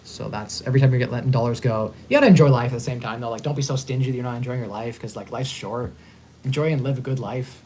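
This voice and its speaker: A man in his thirties hosting a casual live stream, upbeat and talking in quick bursts with frequent restarts. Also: medium pitch, a little mellow, slight background noise. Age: 30s. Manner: fast-talking, upbeat, repeats and restarts words. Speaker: host. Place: hotel.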